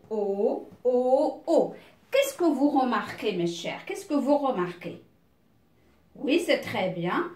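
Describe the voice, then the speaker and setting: Patient woman teacher for beginner reading drills, slow and deliberate, in an echoey room. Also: on the high side, far from the mic. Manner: patient, explains each step, asks herself questions aloud; draws out words slowly and clearly.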